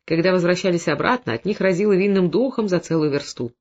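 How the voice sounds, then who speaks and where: A man narrating a literary novel in a measured, expressive storytelling manner. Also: high-pitched. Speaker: audiobook narrator. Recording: dull lo-fi recording.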